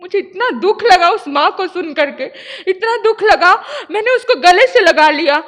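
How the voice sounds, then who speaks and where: A woman sadhvi giving an emotional storytelling sermon, moving between loud appeals and hushed narration. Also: extremely high pitch, expressive, moderate pace. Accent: Hindi. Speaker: Jain sadhvi preacher. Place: large hall, live sermon. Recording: echoey hall reverb.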